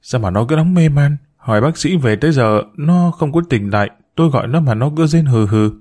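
A man's voice: mid-range voice, lively intonation, a little fast, a little mellow, natural voice. A man voicing an anxious devoted caretaker woman. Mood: worried.

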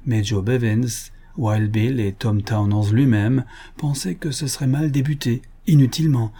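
A man narrating an adventure story at a steady, even pace. His voice is dark and mellow, with a husky grain. He keeps the telling measured and plain between the characters' lines. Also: medium pitch. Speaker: audiobook reader. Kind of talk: reading an adventure story aloud.

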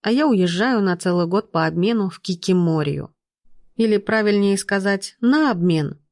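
A woman reading a first-person fantasy novel aloud, lively, lifting her voice for the characters. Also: medium pitch, normal speed, dry recording, clean studio sound. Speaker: audiobook narrator.

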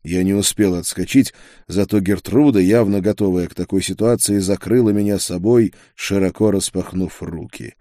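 Casting: male audiobook narrator, low mellow voice, steady measured reading, fantasy novel. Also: dry recording, clean studio sound.

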